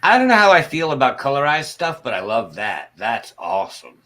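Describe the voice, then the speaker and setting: A former broadcaster chats casually on a livestream, telling stories in a self-deprecating way. Missing front teeth give him a lisp and whistling s sounds. His medium-pitched voice swoops wildly, brisk, pushed, and bright.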